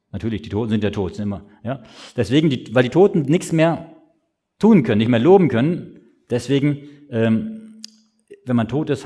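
A man preaching a sermon, asking questions and answering them himself in a slow, explaining way. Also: medium pitch, dark tone, breathy edge.

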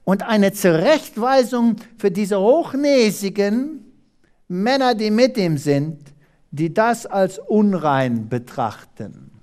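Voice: expressive, takes it slowly, darkish tone. A preacher from South Africa giving a dramatic sermon, reading scripture aloud and firing rhetorical questions at the congregation. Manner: dramatic, rhetorical questions, sweeping pitch swings. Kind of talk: animated sermon with Bible reading.

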